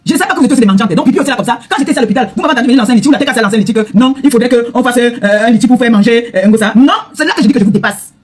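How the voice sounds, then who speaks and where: A woman's voice: a little high, racing, few pauses, husky. A middle-aged woman, an influencer, giving an angry, confrontational rant straight to camera, hammering the same retorts again and again. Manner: heated, repetitive, confrontational retorts. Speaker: social media influencer.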